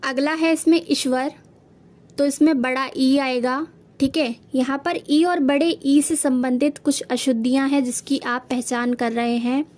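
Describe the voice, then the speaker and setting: A woman with a high-pitched voice teaches a Hindi spelling lesson. She explains each word patiently and step by step, talking to her students as children. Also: fairly even intonation, measured pace, a little mellow.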